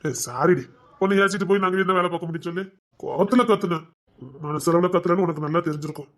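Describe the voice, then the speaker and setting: A man's voice: high voice, quick pace, a bit bright. A man playing a pleading remorseful husband. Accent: Tirunelveli Tamil. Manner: tender, pleading, coaxing. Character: remorseful young husband coaxing his pregnant wife. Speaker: actor in a web series. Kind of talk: emotional domestic drama acting.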